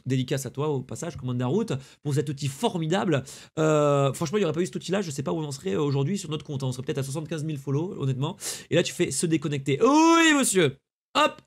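Young male streamer, higher voice, slangy, chatty tutorial delivery. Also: darkish tone. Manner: chatty, slangy, addresses viewer directly. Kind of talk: casual screen-recorded tutorial.

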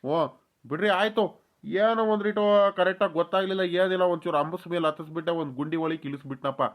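A man's voice: a little high, quick pace, lightly acted. Man voicing a breezy young village biker. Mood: sulky. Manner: breezy, reassuring. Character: cocky young village man who rides a bike.

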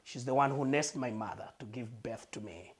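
Seated in a living room with a lapel mic, a man from Malawi earnestly shares the story of his life. His voice is medium in pitch with a breathy edge, and he pauses at times while hunting for words.

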